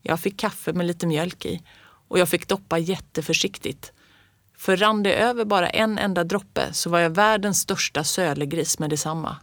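A reader narrates a children's storybook in the first person of a child, with a calm and gentle, even delivery. The voice sits at a middle pitch. The recording is dry and close. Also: dry recording. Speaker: audiobook reader.

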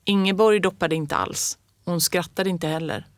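A reader narrates a children's storybook in the first person of a child, with a calm and gentle, even delivery. The voice sits at a middle pitch. The recording is dry and close. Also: no room sound. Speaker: audiobook reader.

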